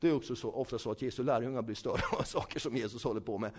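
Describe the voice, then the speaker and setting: A man preaching a sermon in a lively, conversational way, asking his listeners frequent questions and acting out the dialogue he retells. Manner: acts out quoted dialogue, dropping low and soft for asides.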